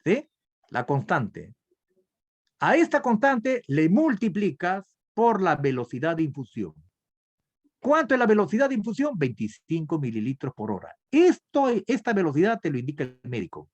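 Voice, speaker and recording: A man's voice: high-pitched, huge pitch swings, normal speed, muffled recording. A man with a Peruvian Spanish accent teaching an online nursing class over a video call, working through a calculation step by step and asking questions that he then answers himself. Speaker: nursing instructor.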